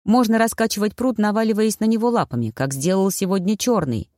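Steady audiobook narrator, dry sound. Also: mid-range voice, brisk, no echo. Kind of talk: scripted narration.

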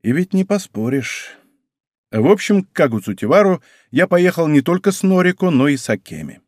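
A man narrating a first-person story as an audiobook, in an expressive, conversational way. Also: on the high side, normal speed, dry recording, studio quality.

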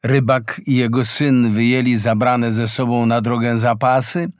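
A man reading a fairy tale aloud as a slow, expressive storyteller in a close, dry recording. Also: medium pitch, no room sound. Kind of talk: scripted fairy-tale narration.

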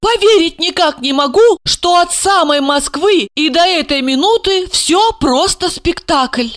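A woman voicing a naive, excitable young housewife in an audiobook, with childlike delight. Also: very high voice, unhurried, no room sound, clean studio sound, voice pushed up, heavily acted. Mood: excited. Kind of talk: audiobook character reading.

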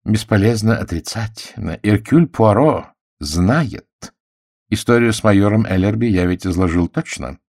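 A man voicing a shrewd, courteous middle-aged detective who questions in a gentle, self-assured way, in an audiobook. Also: lowish voice, animated, unhurried, dry recording, clean studio sound, voice pushed up. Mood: probing. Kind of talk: audiobook character voice.

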